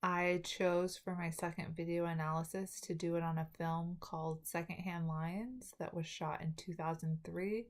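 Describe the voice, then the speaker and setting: A woman talking with new dental braces, giving a halting spoken summary as a student presenter, often correcting herself. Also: lowish voice, fairly even intonation, a little mellow. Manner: halting, with self-corrections and trailing restarts. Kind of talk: spoken film summary for a class video.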